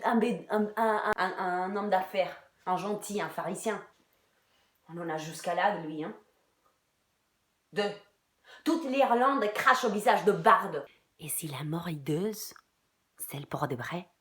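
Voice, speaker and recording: A woman's voice: medium pitch, roomy sound, close to an everyday voice. An actress playing a heartbroken, bitter Irish woman in a theatre monologue, crude and sardonic, sometimes dropping to a whisper. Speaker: actress in a one-woman show.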